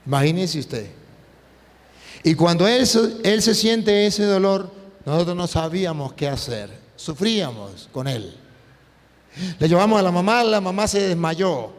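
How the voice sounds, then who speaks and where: Priest guy preaching, highish voice, jumps loud and soft a lot, long echo tail. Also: a little slow. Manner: animated storytelling with sudden swings in pitch and loudness. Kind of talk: preaching sermon. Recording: long hall reverb.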